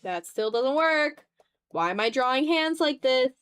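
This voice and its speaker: A woman in her twenties streams her art from home, talking to herself as she draws with casual swearing and self-mockery. Her high-sitting voice is expressive, unhurried, smooth, and fairly bright. The recording is dry.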